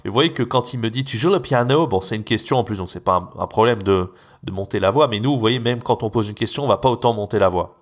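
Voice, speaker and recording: Young man from France, podcast host, fairly low voice, chatty, hesitant fillers. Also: fast talker. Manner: chatty, with frequent fillers and self-corrections. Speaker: podcast host, French teacher. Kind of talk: casual educational podcast talk.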